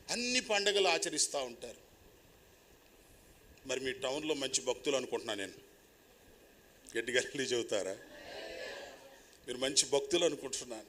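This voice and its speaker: High, bright-voiced preaching man. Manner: preaching with sudden loud rises and quiet asides, calling for applause. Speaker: pastor. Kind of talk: sermon.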